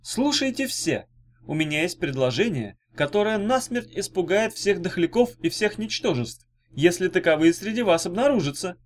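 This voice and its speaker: Slick showy con man working a crowd, as a male reader puts him on; loud, high, swooping pitch. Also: animated, normal speed. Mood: rousing. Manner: loud, rising, theatrical pitch. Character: slick wheedling male swindler, showy persuader.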